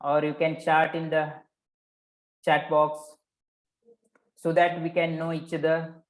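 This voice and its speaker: A man's voice: a little high, completely flat delivery, slow pace. A man leading a live online coaching session, probing participants and repeating their answers back to them. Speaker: workshop coach. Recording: roomy echo.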